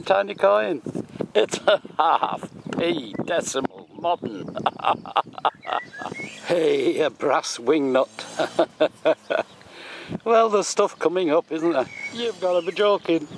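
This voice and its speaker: A man's voice: on the high side, creaky. A British man chatting casually while metal detecting, often chuckling at himself, recorded outdoors on a handheld camera. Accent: British English. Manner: chuckles often, unhurried and self-mocking. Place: outdoors on a windy building-site spoil heap. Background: wind noise.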